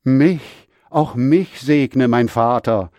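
A man voicing a bitter, desperate elder son in a scripture reading, his pitch lifting as he pleads. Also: very slow, darkish tone, dry recording, dull audio. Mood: pleading.

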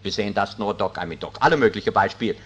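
A man preaching a sermon as a pastor, swinging between loud, rising declarations and quiet, intimate asides, with small grammatical slips. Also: fairly low pitch, lively intonation, fast talker, husky, muffled recording. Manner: speaks German with grammatical slips and an English filler.

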